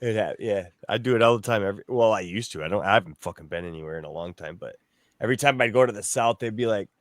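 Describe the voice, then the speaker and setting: A man's voice: lowish voice, fast, no echo, studio quality. A man co-hosting a podcast in casual chat, laid-back and jokey with plenty of swearing, from the northern US. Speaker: podcast co-host.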